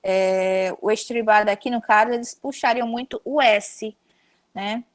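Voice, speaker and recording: A woman's voice: a little high, unhurried. A young woman with a Cearense Brazilian accent, teaching an online class in a chatty, upbeat way and talking straight to her students. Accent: Cearense Brazilian Portuguese. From Ceará, Brazil. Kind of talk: casual online class lesson.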